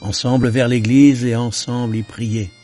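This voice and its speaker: A man reading a narrative poem aloud in a solemn, measured way. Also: mid-range voice, little pitch movement, mellow, soft background music.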